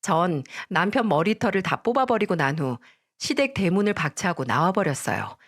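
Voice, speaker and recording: A woman narrating a dramatized story in an expressive, confiding way. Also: lowish voice, normal speed, slightly rough.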